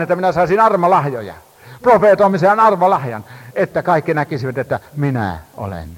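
A man preaching a sermon with impassioned emphasis and frequent hesitations, recorded in a large church hall. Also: mid-range voice. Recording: reverberant hall.

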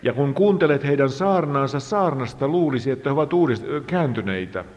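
A man's voice: mid-range voice, animated, darkish tone. A man interpreting a sermon phrase by phrase, sometimes restarting a word. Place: church hall. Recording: dull sound in reverberant hall.

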